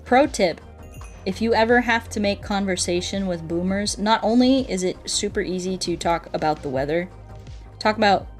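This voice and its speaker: Background music plays as this young American streamer talks casually during a gaming session, rambling and performing snippets of what people said. Her pitch is medium and her pace normal.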